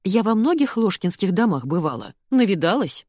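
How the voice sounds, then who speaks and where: A woman's voice: medium pitch, big pitch swings, moderate pace, warm tone, no room sound, studio quality. A woman voicing a touchy, sulky village housekeeper with a whiny, grumbling manner in an audiobook. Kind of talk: audiobook character voice.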